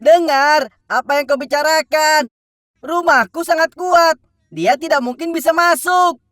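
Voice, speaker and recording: A woman's voice: high-pitched, a little slow, a bit bright, dry recording, studio quality. A woman voicing a carefree, stubborn, cocky little pig in a children's cartoon fairy tale. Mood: dismissive. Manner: boastful, dismissive.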